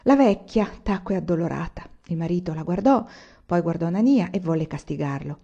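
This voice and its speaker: A woman narrating a literary audiobook in a measured, expressive reading. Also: on the low side, gravelly, lo-fi sound. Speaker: audiobook reader.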